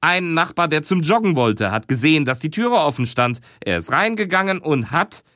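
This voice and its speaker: A man's voice: a little high, sing-song, normal speed, sharp tone, no room sound, voice pushed up. A man doing a worn-out cynical detective, gloomy, crime audiobook, dry close mic. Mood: weary. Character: weary, cynical male detective.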